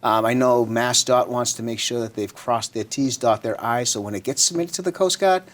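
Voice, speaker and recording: A man's voice: medium pitch, moderate pace. Male local politician as interview guest, mid-range voice, informal, conversational, leaning on filler phrases. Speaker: city councilor running for state representative, interview guest.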